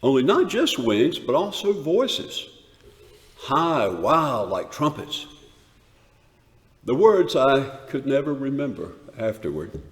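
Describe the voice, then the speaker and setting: Performing live in a big church, a dramatic reader with a mid-range, sing-song voice portrays a rough, awestruck shepherd remembering a wondrous night. The awe builds as he speaks with emphasis and dramatic pauses, swelling from hushed to shouted, while the hall adds a long, echoing reverb.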